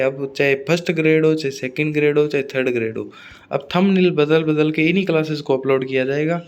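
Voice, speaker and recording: A man teaching an exam-prep phonetics lecture, often repeating points and checking in with his students. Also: medium pitch.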